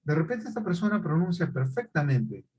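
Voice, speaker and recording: A man teaching a class, explaining slowly and deliberately and checking often that his students follow. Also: on the high side, very animated, darkish tone, breathy edge, poor audio. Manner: questioning, repetitive explanations with check-ins. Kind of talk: classroom lecture.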